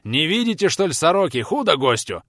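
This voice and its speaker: Male reader as loud, hearty medieval boatman; raised, lively voice; folksy archaic speech. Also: mid-range voice, normal speed, no room sound, studio quality. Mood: shouting. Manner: shouting over wind, folksy old speech. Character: brash bold middle-aged boatman, hearty and loud. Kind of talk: audiobook character voice.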